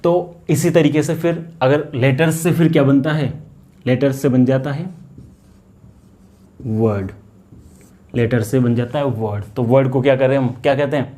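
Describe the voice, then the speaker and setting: A man's voice: medium pitch, a little slow, pauses often, mellow. A man with an Indian accent teaching English grammar in a lesson, asking questions and answering them himself and repeating key words. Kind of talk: classroom-style grammar lesson.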